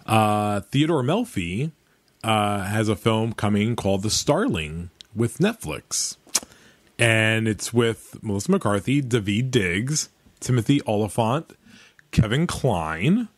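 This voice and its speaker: A man hosting a podcast, chatting casually and quickly, with lots of "uh"s and laughs. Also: on the low side, very animated, dry recording. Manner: rapid, filler-heavy, laughs between remarks. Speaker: podcast host.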